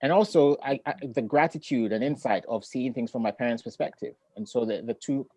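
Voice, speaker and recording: A middle-aged man who grew up in Ghana, a poet, reading his poems and talking about family in a measured, reflective way over a video call. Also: mid-range voice, warm tone, no echo. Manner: measured and reflective, with thoughtful pauses. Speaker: poet and author. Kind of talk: poetry reading and relaxed conversation.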